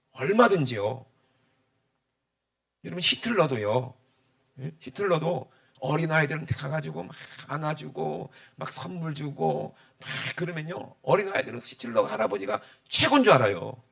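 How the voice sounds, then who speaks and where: A man's voice: on the high side, vocal fry, a bit bright. A middle-aged man, preaching a sermon as pastor and often calling the congregation for an amen.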